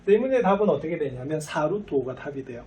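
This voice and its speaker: A man with a high voice gives a recorded math lesson, peppering each step with his own quick questions before answering them. He sits a little back from the mic, so the sound is slightly distant. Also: sing-song, darkish tone. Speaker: math teacher.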